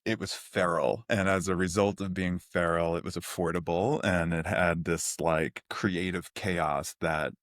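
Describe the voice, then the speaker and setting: A middle-aged man from New City, telling stories as a podcast guest in a rambling, animated way full of fillers. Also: low voice, a little slow, hardly any pauses, dry recording, studio quality. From New York City (Queens). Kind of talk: casual storytelling interview.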